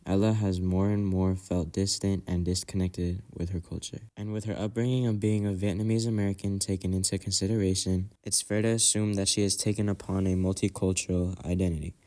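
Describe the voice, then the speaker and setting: A man reading scripted documentary narration in an even, read-aloud delivery. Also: low voice, brisk, hardly any pauses.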